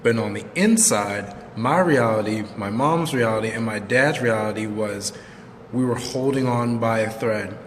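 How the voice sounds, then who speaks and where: A man co-hosting a live chat, speaking in an earnest and measured way about personal struggles. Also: lowish voice, in a large hall, a little hiss or hum. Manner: measured, heartfelt, speaks in long sentences. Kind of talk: earnest, reflective sharing.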